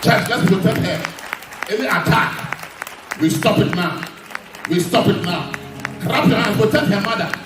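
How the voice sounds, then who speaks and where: High-voiced man prophesying in echoey church. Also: far from the mic, background noise. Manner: commanding, quizzes a congregant in halting English. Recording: echoey hall, music and crowd.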